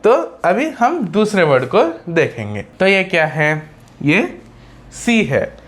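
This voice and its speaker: A male phonics teacher with a Hindi accent talks slowly and patiently. His pitch rises and falls in a lively, sing-song way as he asks a question and then answers it himself. He says every example twice over. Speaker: English teacher. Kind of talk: slow step-by-step phonics lesson.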